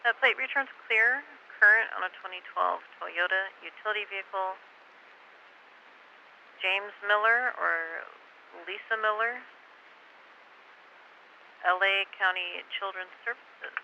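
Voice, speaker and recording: A man dispatching over police radio in short, clipped bursts of codes and plate numbers. His voice sits high and sounds sharp, with a gravelly edge. It comes through a muffled scanner feed with a faint hiss underneath. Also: a little slow, long pauses. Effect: police radio transmission.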